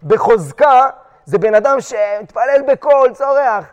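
A man teaching a lively religious lesson to his students, throwing questions at the room and acting out little quotes. His voice sits high for a man. It rings with a long echo, as in a big hall. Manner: animated, questions the class, acts out short quotes. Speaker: yeshiva teacher.

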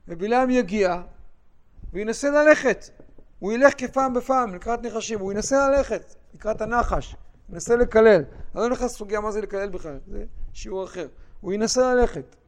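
A man teaching a Bible lesson to a class, telling the story with animated asides to his students. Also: high-pitched.

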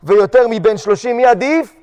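A yeshiva teacher gives his students an animated religious lesson, firing questions at the class and acting out short quotes. His smooth voice is high for a man and carries a long echo, like in a large hall.

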